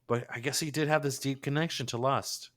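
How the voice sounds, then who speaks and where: A man's voice: mid-range voice, fairly even intonation, brisk, a bit bright. A man co-hosting a podcast, chatting casually and enthusiastically about an anime episode like a gushing fan. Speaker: podcast co-host.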